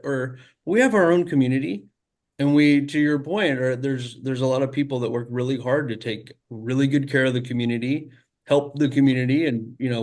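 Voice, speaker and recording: Male podcast co-host, mid-pitched, earnest, thoughtful, stops and restarts. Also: a little mellow. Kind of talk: casual conversational chat.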